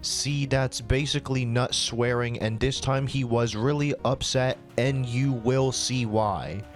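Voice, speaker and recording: A man's voice: medium pitch, fairly even intonation, a little slow, soft background music. A man hosting his channel, reading fan fiction aloud with swearing and exasperated asides. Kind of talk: comedic dramatic reading.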